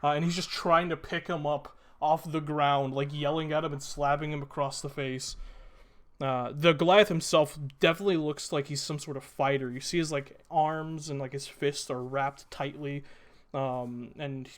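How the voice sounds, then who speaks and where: A man working as game master, improvising descriptive narration in a halting, casual way. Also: a little high, fairly even intonation.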